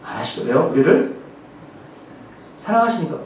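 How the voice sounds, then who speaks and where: A man's voice: on the high side, big pitch swings, moderate pace, gravelly, a little hiss or hum. A male pastor preaching a sermon in a church. He talks casually, makes jokes, and keeps asking the congregation questions. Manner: joking, conversational, many rhetorical questions. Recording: very echoey hall, mic far off.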